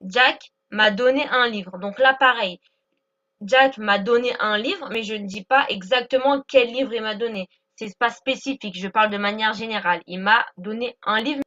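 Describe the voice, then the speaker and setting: A woman teaching an English grammar lesson, explaining patiently and slowing down for each example while checking understanding. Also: fairly high pitch, bright, forceful tone, muffled recording. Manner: patient, repeats examples slowly, checks with "d'accord?".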